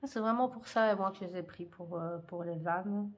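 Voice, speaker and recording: A woman's voice: medium pitch, normal speed, dull audio, slight background noise. A woman chatting hesitantly in a craft haul vlog, full of fillers and gushing over cute items. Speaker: scrapbooking haul vlogger. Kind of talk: casual show-and-tell chat.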